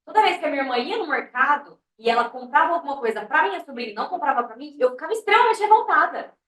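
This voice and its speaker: A woman's voice: high voice, animated, rapid-fire, a bit bright. A woman in her twenties, a student telling a candid personal story in class. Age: 20s. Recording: roomy class audio from far off.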